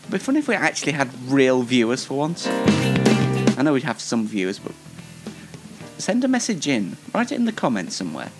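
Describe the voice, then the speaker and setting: Over music, a young man at a medium pitch hosts a casual self-interview and viewer chat, his pitch swooping wildly as he talks at a moderate pace with many pauses. Self-deprecating, he trips over his words and restarts the openings of phrases.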